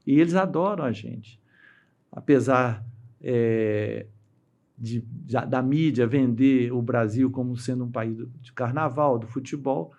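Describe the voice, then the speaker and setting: Guesting on a casual interview, a middle-aged dam engineer from Brazil spins stories in a Brazilian Portuguese accent, stumbling through restarts and fillers while impersonating the people he quotes. His voice is on the high side with a darkish tone.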